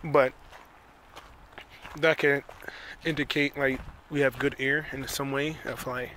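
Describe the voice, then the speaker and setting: A man's voice: medium pitch, level tone, slow pace, pushed and bright, slight background noise. A man with a Pittsburgh accent vlogging casually on a park hike, out of breath and rambling with lots of "like" and "you know". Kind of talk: casual walking vlog.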